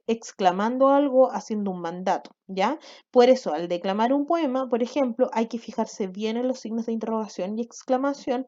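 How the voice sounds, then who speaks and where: A woman gives a recorded lesson to young pupils, patient and methodical, pausing to check that they follow. Her voice sits a little high. The recording is dull and lo-fi, like a simple home setup. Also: mellow. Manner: patient, explains step by step, keeps checking with "¿ya?". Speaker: primary school language teacher. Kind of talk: recorded online class for children.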